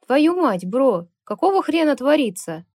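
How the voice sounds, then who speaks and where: A woman voicing a big, bald, brash male friend who talks loud and crude, in an audiobook. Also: fairly high pitch, normal speed, dry recording, studio quality, natural voice.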